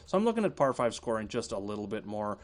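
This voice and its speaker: A man's voice: lowish voice, fast talker. A man with a Canadian accent giving casual golf betting analysis, talking loosely with many fillers. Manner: relaxed, filler-heavy, thinks aloud. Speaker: fantasy golf analyst guest.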